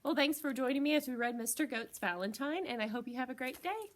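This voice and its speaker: A woman in her thirties, presenting library storytime in a small indoor library corner, reads a children's storybook aloud. Her voice sits high and she talks fast, reading expressively to the young children.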